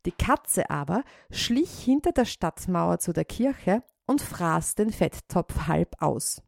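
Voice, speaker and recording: A woman reading a fairy tale aloud as storyteller, calm and measured. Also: on the low side, gravelly, dry recording, clean studio sound.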